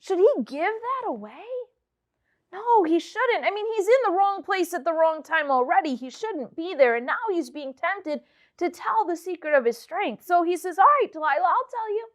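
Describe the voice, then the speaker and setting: A woman teaching children a Bible lesson, reading verses and retelling the story with lively asides to the kids. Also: very high-pitched, normal speed. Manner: animated storytelling, addressing the children directly.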